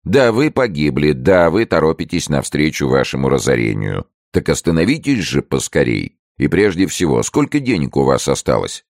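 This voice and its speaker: A man's voice: a bass voice, very animated, normal speed, creaky, hardly any pauses, no room sound, studio quality, voice pushed up, full character voice. A man voicing an eager, loyal male adviser in an audiobook, urging and persuading with rousing pleas. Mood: urgent. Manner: urgent, rousing pleading. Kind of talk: audiobook character reading.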